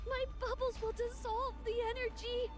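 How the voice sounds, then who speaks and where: A woman voicing a young female mermaid android in a game, soft and earnest, strained as her strength fails. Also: extremely high pitch, little pitch movement, moderate pace. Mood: defiant. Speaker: game character voice. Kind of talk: voiced game dialogue. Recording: game audio with music behind. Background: background music.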